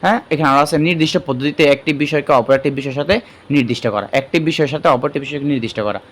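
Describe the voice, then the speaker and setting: A man teaching an online madrasa lesson. He explains step by step, repeats key terms and often pauses on fillers. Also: mid-range voice, a bit bright. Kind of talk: online exam-prep lesson.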